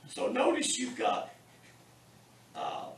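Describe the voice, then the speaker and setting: Picked up by a distant room microphone in an echoey classroom, with a little background noise, a man lectures a beginners' Greek class at a Bible college. He works through the sounds slowly and deliberately, repeating them again and again, and teases his students with a dry sense of humor.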